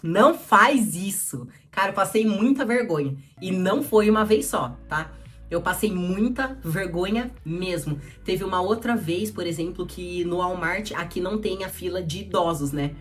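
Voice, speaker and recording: A woman's voice: fairly low pitch, moderate pace, soft background music. A young Brazilian woman vlogging casual advice in a chatty, direct way, talking straight to her viewers. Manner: chatty and direct, addresses viewers as "cara" and "gente". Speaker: YouTuber.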